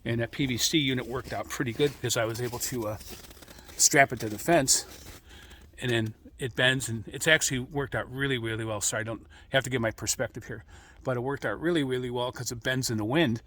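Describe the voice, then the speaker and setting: A middle-aged American man giving an informal, rambling explanation as a radio hobbyist, speaking in a halting way. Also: medium pitch, fairly even intonation, a bit bright, a little hiss or hum. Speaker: amateur radio hobbyist hosting an introductory video.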